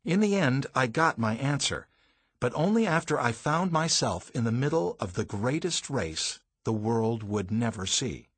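Husky-voiced man narrating an audiobook. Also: medium pitch, animated, unhurried, a bit bright, dry recording. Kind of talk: first-person audiobook narration.

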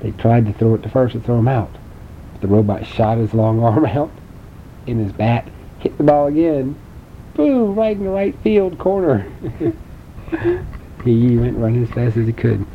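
A man's voice: steady tone, normal speed. A man telling a playful made-up bedtime story, adding sound effects and asking the listener questions. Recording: dull lo-fi home recording with faint rumble.

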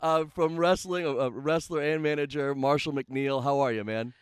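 A man's voice: fairly high pitch, fairly even intonation, moderate pace, clear, resonant tone, dry recording, studio quality. A man hosting a casual, informal chat interview, recorded outdoors in a backyard. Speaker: podcast host.

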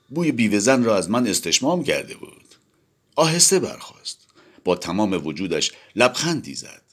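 Deep-voiced man reading a novel dramatically. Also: fairly bright tone. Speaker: audiobook narrator. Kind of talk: scripted literary narration.

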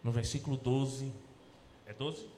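A male pastor with a Brazilian Portuguese accent delivers a sermon, swinging between loud, emphatic peaks and soft, low asides. His voice rings through a large church hall with a long, roomy reverb. A faint hum of ambience sits underneath. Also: fairly even intonation, a little slow. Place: church sanctuary.

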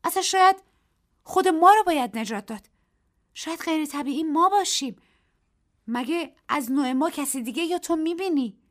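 A woman reading the part of a frightened young woman in a radio story, her lines high and agitated. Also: lively intonation. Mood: despairing. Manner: high-pitched and agitated, rising to cries.

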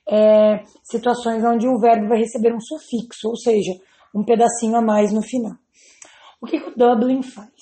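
A woman's voice: a little high, warm tone. A woman teaching English grammar to students, patiently spelling out letters and checking they follow. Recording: roomy echo.

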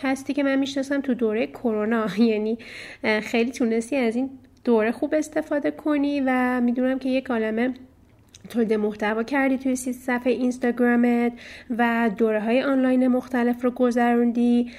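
A woman interviewer speaks with an Iranian Persian accent. Her voice is a bit higher than average, and she puts her questions in an informal, conversational way. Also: fairly even intonation, a little mellow.

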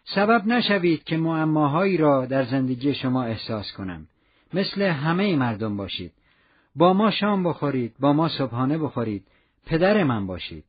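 A man's voice: a little high, sing-song, husky. A man reading aloud who voices an affectionate, pleading young woman in a storybook reading. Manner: pleading, reproachful. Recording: dull lo-fi recording.

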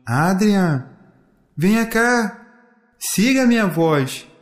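A man's voice: high-pitched, very animated, slow, voice pushed up, exaggerated voice. A man doing a sweet unseen spirit voice. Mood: inviting. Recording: echoey room.

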